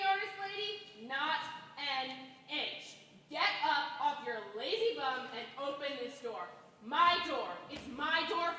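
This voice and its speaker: A woman's voice: high voice, sharp tone. A woman playing an angry, scolding landlady aunt demanding her rent in a stage play. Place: large indoor hall, school play performance. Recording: roomy echoing hall, distant mic, noisy.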